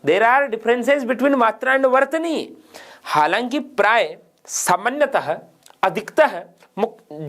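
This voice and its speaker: A man's voice: high-pitched, fairly bright tone. A man teaching a grammar lesson for exam students, asking questions and answering them himself and repeating key points. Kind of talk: exam-prep grammar lecture.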